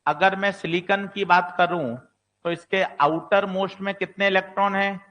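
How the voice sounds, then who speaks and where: High-voiced male teacher lecturing students. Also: fairly even intonation, normal speed, bright, forceful tone. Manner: asks students questions and answers them himself; plays the student voicing doubts. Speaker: physics teacher. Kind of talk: exam-prep lecture.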